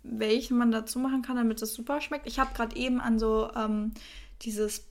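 A young woman with a fairly high voice co-hosts a relaxed podcast, gushing with enthusiasm about drinks and food. She weaves English words into her casual talk. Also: normal speed. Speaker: podcast co-host.

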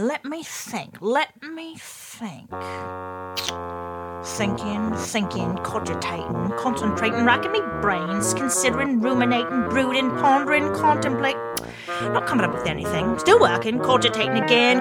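A woman's voice: sits high, expressive, normal speed, loud music behind the voice, rough recording. A woman voicing an anxious, dramatic male court jester who stammers and says "me" for "my". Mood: pondering.

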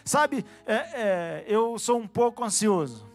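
Faint music plays behind a high-voiced pastor delivering a fervent church sermon. He alternates calm teaching with loud, shouted exhortations and tosses quick asides to those present.

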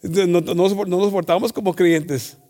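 A male pastor preaching a sermon, reading scripture slowly and switching between English and Spanish. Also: high-pitched, steady tone, mellow. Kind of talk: bilingual sermon.

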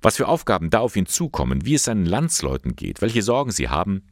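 A man presenting a church news report and interviewing a guest, with a clear, measured delivery. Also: sits low, very animated, dry recording, clean studio sound. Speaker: radio presenter.

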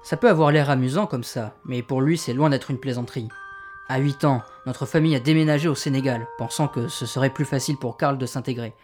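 A man's voice: mid-range voice, fairly even intonation, a little fast, darkish tone, faint music behind, lightly acted. A man playing a flustered, exasperated young insurance broker being questioned. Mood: confiding. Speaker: suspect under interrogation. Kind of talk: comedy sketch acting.

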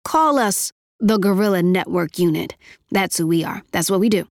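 A woman's voice: mid-range voice, moderate pace, no room sound, clean studio sound, close to an everyday voice. A woman voicing a tall, thin, chatty young tech leader who keeps up an upbeat, jokey running patter. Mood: playful, grandiose.

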